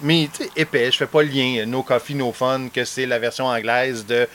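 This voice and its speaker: A man's voice: medium pitch, steady tone, normal speed, fairly bright tone, a little hiss or hum. Chatty Québécois male radio host. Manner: chatty, hesitant restarts, playful self-mockery. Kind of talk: casual interview chat.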